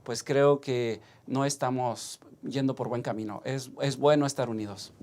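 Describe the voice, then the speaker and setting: A man's voice: mid-range voice, fairly even intonation, moderate pace, darkish tone. A pastor with a Mexican Spanish accent, discussing a church lesson, hesitating and restarting as he thinks aloud.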